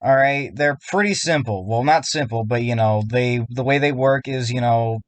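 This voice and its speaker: A man at an ordinary pitch rants about a video game, sounding upset and worked up. He rambles and stumbles through "you know" and "like" as he talks. The recording is dry and close, with no room sound. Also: moderate pace, no room sound. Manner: rambling, fillers, frustrated. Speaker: YouTuber.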